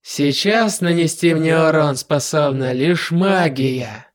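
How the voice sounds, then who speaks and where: Man doing smug dry-voiced demon lord Artmey. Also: on the high side. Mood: menacing. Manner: slow, drawn-out, self-satisfied delivery.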